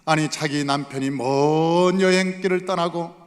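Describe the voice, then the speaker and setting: A male pastor preaching a sermon, telling a story with dramatic swings from soft to loud. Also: fairly high pitch, a little slow. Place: church sanctuary. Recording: long hall reverb.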